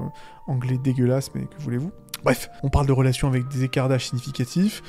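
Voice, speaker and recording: A man's voice: mid-range voice, creaky, mellow. A young man giving casual, sarcastic commentary on anime, laughing often and trailing off into fillers and restarts.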